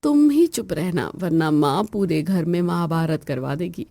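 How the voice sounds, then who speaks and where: A woman's voice: fairly low pitch, animated, a little slow, vocal fry, warm tone, no echo, exaggerated voice. A woman voicing a jokey, easygoing young husband who teases his wife. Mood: teasing. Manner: teasing, jokey.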